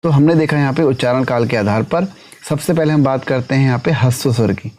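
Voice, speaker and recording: A man's voice: mid-range voice, a little fast, a little mellow, slight background noise. Man teaching an exam-prep lesson. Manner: asks the class questions and answers them himself; keeps adding tag question "है ना".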